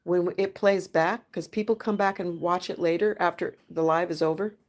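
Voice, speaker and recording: Patient middle-aged mom chatting with kids. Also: female voice, fairly low pitch, steady tone, normal speed. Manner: gentle, patient, coaching tone with kids. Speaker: parent hosting a family livestream. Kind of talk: casual chat with children on a livestream.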